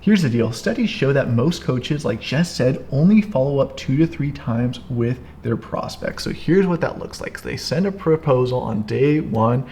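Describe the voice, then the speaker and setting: Man, young adult, medium-pitched, energetic, emphatic, casual teaching chat. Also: normal speed, few pauses, slight background noise. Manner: energetic, emphatic, repeats "here's the deal". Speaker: co-host, business coach.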